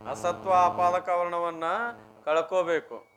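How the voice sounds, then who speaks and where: A man's voice: high voice, flat delivery, unhurried, background noise. A man with a North Karnataka Kannada accent gives a spiritual discourse as a swami. He tells a story, acts out its dialogue, and keeps asking the audience questions that he then answers himself. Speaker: swami giving a religious discourse.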